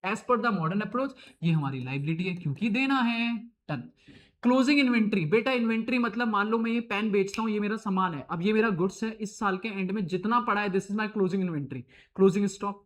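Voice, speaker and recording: High-voiced chatty Indian teacher. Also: male voice, normal speed, fairly bright tone. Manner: chatty, teasing, calls students beta and babu. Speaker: accounting teacher. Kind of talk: online lecture.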